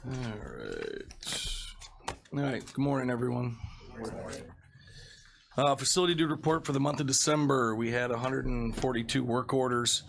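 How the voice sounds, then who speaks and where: A man who sounds under the weather, giving a halting report at a committee meeting. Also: medium pitch, sing-song, vocal fry, noisy background. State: under the weather, feeling sick. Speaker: facilities director presenting a report.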